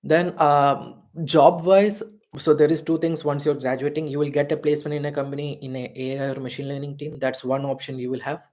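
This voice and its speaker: A man's voice: fairly high pitch, flat delivery, fairly quick, darkish tone. A man, shivering in the cold outdoors, hosting a live Q&A and giving earnest career advice full of fillers. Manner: earnest, rambling, with many fillers. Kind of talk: live Q&A chat.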